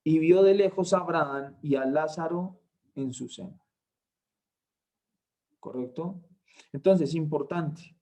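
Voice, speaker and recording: Guy teaching bible class, kinda high voice, keeps asking "right?". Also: dark tone. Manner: explains slowly, asks "¿cierto?" after points. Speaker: Bible study tutor.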